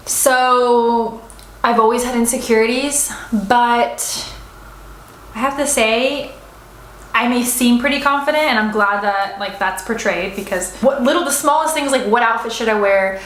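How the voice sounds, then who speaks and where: In a restaurant, a woman in her twenties from the United States vlogs a casual mukbang chat, answering assumptions viewers have made about her. Her fairly high, fairly bright voice runs at normal speed, though the recording is low-quality and reverberant, and she rambles with lots of fillers and restarts.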